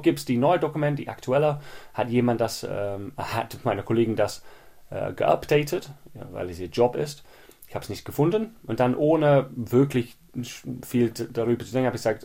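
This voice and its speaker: Male podcast host, husky and slightly breathy, mid-pitched, a rambling solo storyteller venting frustration. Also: a little mellow. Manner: rambling, frequent restarts, vents frustration. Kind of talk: personal storytelling monologue.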